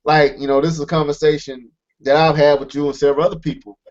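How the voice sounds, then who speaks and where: A man's voice: a little high, little pitch movement, fast, a little mellow, dull audio. A man co-hosting a podcast, talking earnestly and emphatically in casual chat, circling back with restarts. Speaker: podcast co-host.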